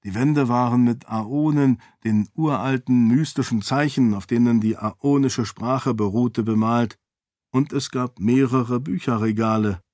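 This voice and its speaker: A man reading a fantasy novel aloud as narrator in a measured, even delivery on a close studio mic. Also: mid-range voice, no echo. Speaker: audiobook narrator. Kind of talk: scripted narration.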